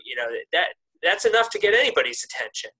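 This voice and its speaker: Bright-voiced man on a video call. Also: sing-song, husky, rough recording. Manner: measured, frequent restarts, rises in pitch for emphasis. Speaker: industry analyst guest. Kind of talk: remote video interview. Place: office with wooden cabinets. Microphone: webcam video call.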